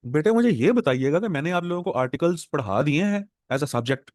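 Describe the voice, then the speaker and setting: A man with a Pakistani Urdu accent lecturing a class of exam students on translation, explaining patiently and repeating words slowly to drill them. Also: a little high, lively intonation, darkish tone, dry recording, studio quality. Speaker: English professor lecturing exam aspirants.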